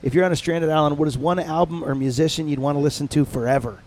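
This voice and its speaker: Upbeat host asking numbered questions. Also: male voice, a little high, fairly even intonation, quick pace, darkish tone. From upstate New York. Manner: friendly, asks numbered questions, laughs easily.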